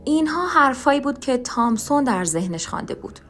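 A woman narrating a story podcast in a calm, measured reading voice. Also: high voice. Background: faint music.

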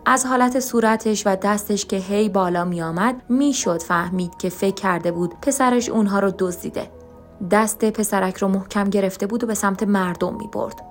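A woman narrates a story in a calm, measured, scripted reading. Her voice sits at an ordinary middle pitch. A faint music bed plays quietly behind her. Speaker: podcast narrator.

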